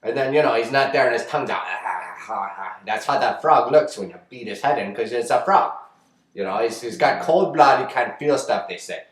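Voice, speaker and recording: A man's voice: medium pitch, lively intonation, normal speed. Rambling folksy man. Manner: rambling folksy delivery with many fillers and restarts. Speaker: comedic vlogger. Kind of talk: deadpan comedic how-to monologue. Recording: echoey roomy sound.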